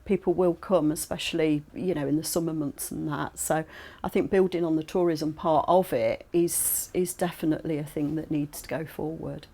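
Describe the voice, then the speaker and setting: A woman's voice: low voice, fairly even intonation, moderate pace, warm tone. A woman speaking plainly and casually in an interview, a local trader.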